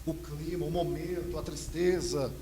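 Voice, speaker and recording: A man preaching a sermon in a Brazilian accent, reading scripture slowly and then telling stories animatedly. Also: fairly high pitch, fairly even intonation, mellow, a little hiss or hum. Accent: Brazilian Portuguese. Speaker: pastor. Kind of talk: expository sermon with personal anecdotes.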